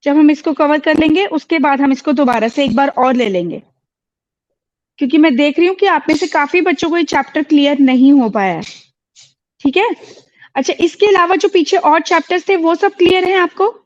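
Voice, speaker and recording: Woman, teacher, high pitch, stern and firm, code-switching, dull recording. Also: a little fast. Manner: stern, mixes Hindi and English. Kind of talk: classroom teaching. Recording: dull lo-fi sound.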